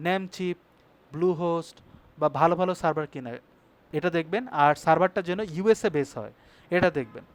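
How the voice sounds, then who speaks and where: Male instructor, high voice, brisk tutorial delivery with frequent check-ins to the class. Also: clear, resonant tone. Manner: brisk, checks in with students often. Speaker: web design instructor. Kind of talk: live online class tutorial.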